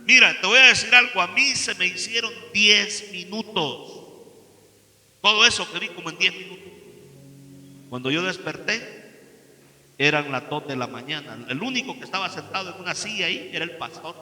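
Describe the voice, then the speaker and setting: Man with a Mexican accent, slightly high, preaching testimony that swings from hushed to loud in a reverberant church. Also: expressive, moderate pace. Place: church hall. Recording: long church-hall reverb.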